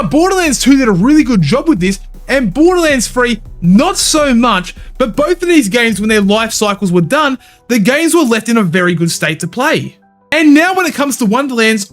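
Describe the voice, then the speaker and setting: A man's voice: extremely high pitch, a bit bright. A man hosting a gaming commentary channel, talking bluntly with opinions and casual swearing. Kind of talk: scripted video commentary.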